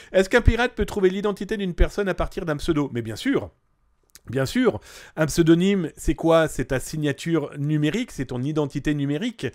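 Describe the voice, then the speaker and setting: A man with a fairly high voice hosts a casual live news stream. He is chatty and jokey, greets viewers by name and reads their comments aloud. He swings between lively bursts and quiet asides. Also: normal speed.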